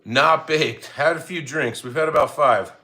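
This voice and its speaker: A man's voice: a little high, measured pace, bright, forceful tone. A middle-aged man chatting casually on a home livestream, reading chat aloud and laughing easily. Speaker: livestream host. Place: home, feeding dogs.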